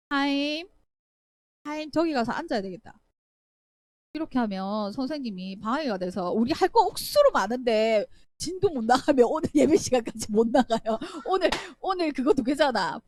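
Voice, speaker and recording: A young woman telling a Bible story to children as a Sunday school teacher, acting out voices and asking questions. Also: on the high side. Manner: animated, acts out voices, asks children questions.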